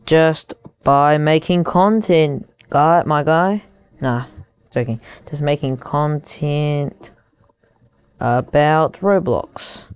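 Slow-talking young man on a headphone mic. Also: a little high, clean tone, no echo. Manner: halting, thinking aloud while typing. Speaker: gaming YouTuber. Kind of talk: casual gameplay commentary. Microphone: headphones used as mic.

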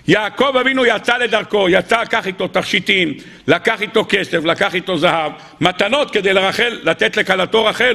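A man's voice: high voice, creaky. A man with an Israeli Hebrew accent telling stories in a sermon, acting out the people he quotes in a raised voice. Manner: acts out quoted figures in a raised voice, addresses listeners as gentlemen. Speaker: rabbi giving a weekly Torah talk. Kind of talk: animated sermon storytelling.

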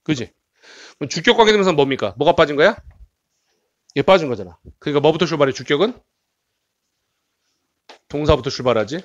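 A man's voice: a little high, animated, fairly quick, pauses often, no echo, muffled recording. A man teaching English grammar at a cram school, reading English sentences aloud and translating them while checking students with tag questions. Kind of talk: exam-prep grammar lecture.

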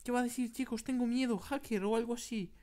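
A woman with an accent from Spain giving excitable, dramatic gameplay commentary and keeps calling out to her viewers. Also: fairly high pitch, fast. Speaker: gaming YouTuber.

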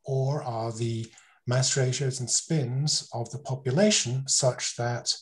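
A man's voice: medium pitch, fairly even intonation, slow. A man giving a conversational academic talk over a video call, asking rhetorical questions and correcting himself as he goes. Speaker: conference speaker.

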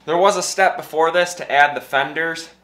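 In a noisy recording from his home garage workshop, a vlogger in his thirties gives a casual how-to, walking through a trailer assembly one step at a time. He has a fairly bright, somewhat high voice and talks at a normal speed.

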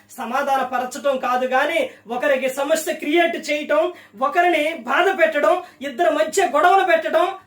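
Preacher asking rhetorical questions, high-pitched. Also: roomy sound, recorded from a distance. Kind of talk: sermon.

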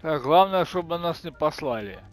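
Higher-voiced man doing a let's play. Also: animated, moderate pace, soft background music. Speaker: gamer playing and translating on the go. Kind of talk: game let's play, reading subtitles aloud.

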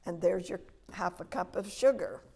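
A woman's voice: lowish voice, moderate pace, vocal fry, warm tone, breathy edge. An older woman giving a patient, step-by-step cooking demonstration in a large demo kitchen, filmed from a distance. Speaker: extension educator.

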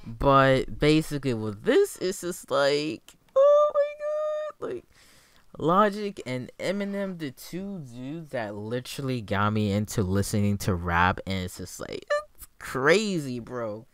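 A young man talking like a frat bro, slangy and hyped, giving excited casual reaction commentary. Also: medium pitch, a little slow, no echo. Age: young adult. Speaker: music reaction video maker.

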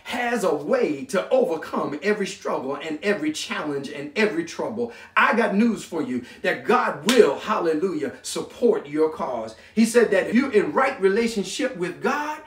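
A man's voice: sits high, big pitch swings, normal speed, few pauses, slight background noise. A man preaching a sermon as pastor, impassioned, calling on the congregation to answer back and repeating his words. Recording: echoey room, mic from far off.

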